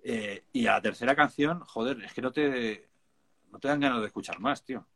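A man's voice: mid-range voice, normal speed, creaky, a bit bright. Slangy Spanish man talking music production. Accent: Spain Spanish. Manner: chatty, informal, emphatic, peppered with slang. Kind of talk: casual chat.

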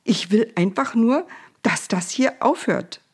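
A woman's voice: medium pitch, unhurried, pitched above the performer's own voice, natural voice. A woman voicing the Pharaoh, a weary, whiny male ruler, groaning and pleading in a storybook reading.

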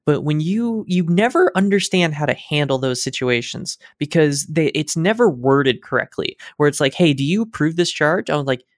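A man's voice: fairly high pitch, expressive, moderate pace, hardly any pauses, no room sound, clean studio sound. A man co-hosting a casual podcast, talking in wry, self-deprecating, rambling asides. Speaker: podcast co-host. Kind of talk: casual chat.

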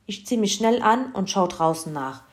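A woman's voice: mid-range voice, animated, normal speed, natural voice. A woman doing a flustered dad. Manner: unsure, flustered. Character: flustered hardworking family father.

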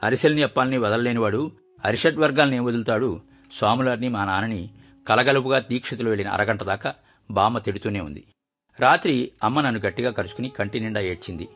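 A man reading a short story aloud as narrator, telling it in a measured, expressive way. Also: medium pitch, soft background music.

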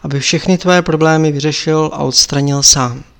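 A man reading an audiobook, voicing an old male lama abbot who admonishes his pupil in a measured, lecturing way. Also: on the high side, fairly even intonation, gravelly. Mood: instructive.

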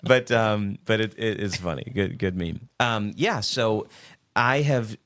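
A man hosting a casual podcast with his brothers, talking in a relaxed, rambling way. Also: on the low side, a little slow. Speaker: podcast host. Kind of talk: casual chat.

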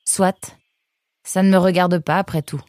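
A woman voicing a young male fox in a children's storybook, speaking high and quick to protest. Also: steady tone, darkish tone, close to an everyday voice. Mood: curious.

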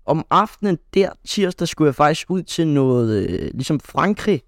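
Chatty young man, slightly high voice. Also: big pitch swings, dry recording, studio quality. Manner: rambling storytelling with many fillers. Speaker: podcast co-host. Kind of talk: casual chat.

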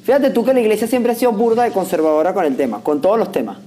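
A man's voice: sits high, racing, mellow. A Venezuelan man co-hosting a podcast, arguing insistently in casual debate and repeating his demands. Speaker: podcast co-host.

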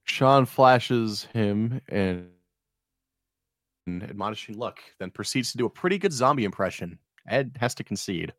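A man's voice: on the low side, expressive, measured pace, fairly bright tone, no room sound, studio quality. A man reading screenplay stage directions aloud as an amateur narrator. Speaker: amateur script reader.

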